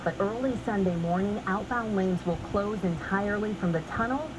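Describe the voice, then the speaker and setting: A woman's voice: medium pitch, moderate pace, background noise. A woman reading scripted news as an anchor, re-recorded from a television in a room.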